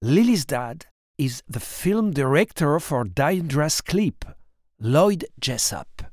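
A man narrates a storybook as a diary, wry and observant. His pitch moves in a lively way, and his overall pace stays slow and deliberate. The recording is close and dry. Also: no echo. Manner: wry, rapid asides between slow read-out lines.

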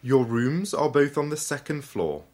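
A man voicing a courteous hotel manager who speaks slowly and clearly to a child learning English, in a storybook reading. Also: mid-range voice, expressive, darkish tone, pitched above the performer's own voice, lightly acted.

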